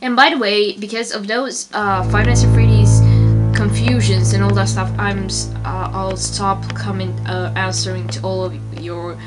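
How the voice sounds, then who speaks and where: Over loud music, a young Romanian toy video creator replies to her viewers' comments in a mid-range voice with a level tone and moderate pace. Her casual vlog wanders, and she sounds fed up, with plenty of fillers throughout.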